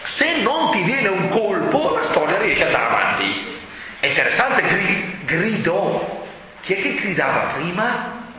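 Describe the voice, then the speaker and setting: A man preaches a sermon, rhetorical and animated, raising his voice to shouts for emphasis. His voice sits high and swings widely in pitch. It rings through a reverberant hall, with faint ambience behind it. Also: unhurried, a loud crowd.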